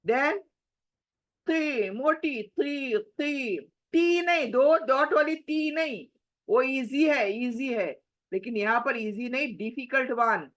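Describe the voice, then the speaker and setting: Woman tajweed teacher, very slow drilled repetitions, slightly high voice. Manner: repeats each word slowly, mixing Hindi with English words. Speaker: Quran recitation teacher. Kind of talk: slow tajweed pronunciation lesson.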